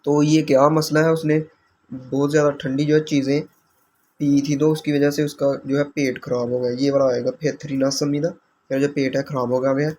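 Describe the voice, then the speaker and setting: A male teacher works through exam answers patiently, step by step. His voice sits a little high and stays flat in tone. A faint hiss of noise runs under the recording. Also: moderate pace. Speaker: language teacher. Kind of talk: explaining exam questions.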